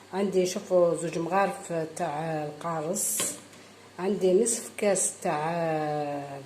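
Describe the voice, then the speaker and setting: A woman's voice: lowish voice, warm tone. Algerian woman teaching a baking recipe. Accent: Algerian Arabic. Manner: talks viewers through each step, repeating instructions. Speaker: baking channel host. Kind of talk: cooking tutorial. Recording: echoey room with faint noise.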